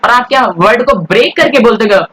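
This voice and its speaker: Bright-voiced Indian man teaching grammar. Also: very high-pitched, poor audio. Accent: Indian English. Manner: addresses students as "beta", asks and answers his own questions; drawls English words slowly when writing them out. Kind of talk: classroom grammar lesson.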